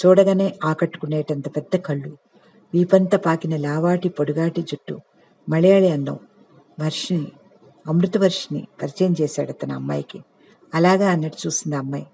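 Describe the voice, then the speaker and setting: Gravelly man reading a literary story. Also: fairly high pitch, steady tone, warm tone. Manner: measured, reflective reading.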